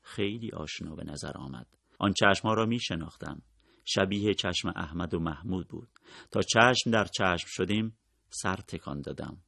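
A man reading a novel aloud in a measured, calm storytelling voice. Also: sits low, creaky, no echo, studio quality. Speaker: audiobook narrator. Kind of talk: scripted literary narration.

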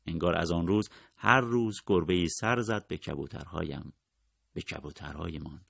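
A man reading a novel aloud in a measured, calm storytelling voice. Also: low-pitched, creaky, no room sound, clean studio sound. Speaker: audiobook narrator. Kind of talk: scripted literary narration.

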